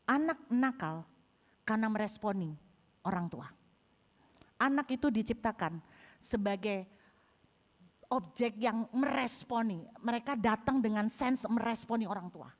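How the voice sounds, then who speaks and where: A woman pastor with a Javanese-tinged Indonesian accent, telling a story in a sermon, animated and acting out the voices she quotes. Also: fairly high pitch, measured pace, pauses often. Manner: animated, acts out quotes with bursts of raised voice. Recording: reverberant hall.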